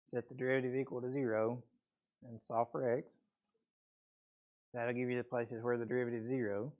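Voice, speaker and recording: In a casual, step-by-step math lecture, a man with a mid-range, slightly mellow voice talks fairly quickly and flatly, saying "okay" often. His voice sounds a bit weak, and he has a peppermint in his mouth.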